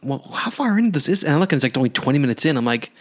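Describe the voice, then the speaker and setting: Lively, chatty man in his forties. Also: fairly high pitch. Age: 40s. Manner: animated, chatty, quick to laugh. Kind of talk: casual chat.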